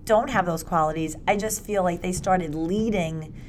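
A woman in her late forties talking on a podcast in an expansive way, sometimes searching for words and growing animated as she makes her points. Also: on the low side, normal speed, slight background noise. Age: 40s. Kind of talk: casual podcast conversation.

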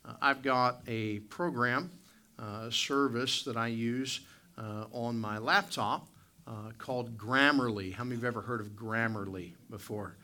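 Bright-voiced pastor, a man preaching. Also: mid-range voice, steady tone, a little slow. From West Virginia, United States. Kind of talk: church sermon with scripture reading and prayer.

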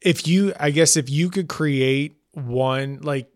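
A man's voice: fairly high pitch, takes it slowly, no room sound, clean studio sound. A man hosting an interview podcast, asking careful questions and hesitating as he searches for words. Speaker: podcast host.

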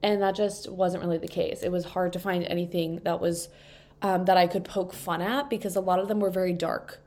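This podcast host, a young woman in her twenties, chats alone into a table-propped microphone indoors, congested from allergies and full of filler words. She talks fairly quickly in a fairly low, darkish voice with a steady tone.

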